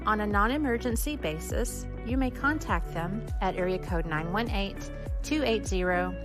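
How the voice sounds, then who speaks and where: A woman reading a scripted show announcement in a measured voice. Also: medium pitch. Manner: measured, read aloud.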